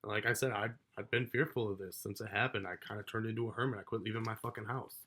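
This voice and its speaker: A man telling a story from his own life in a casual, rambling way, swearing often and getting loud as he relives an argument. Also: fairly low pitch, steady tone, fast talker. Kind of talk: casual personal account.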